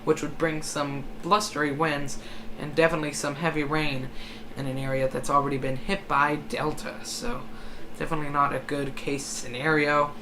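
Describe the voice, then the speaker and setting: A livestream host of unclear sex gives storm commentary in a bright, forward voice. The delivery is hesitant and self-correcting. There is some noise behind the voice. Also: mid-range voice, little pitch movement, normal speed. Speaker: livestream host tracking a hurricane. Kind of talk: live storm coverage commentary. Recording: noticeable background noise.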